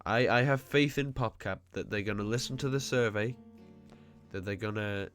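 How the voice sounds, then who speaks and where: Soft background music accompanies a gaming video host whose fairly low voice is a bit bright yet stuffy and nasal from a cold. Chatting casually over his game, he nitpicks and throws in quick asides.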